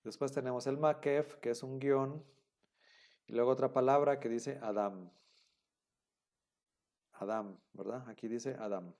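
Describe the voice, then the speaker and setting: A man's voice: mid-range voice, a little slow, pauses often, darkish tone. A man teaching a class, explaining patiently and repeating himself with many fillers. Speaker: Biblical Hebrew teacher. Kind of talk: classroom lecture.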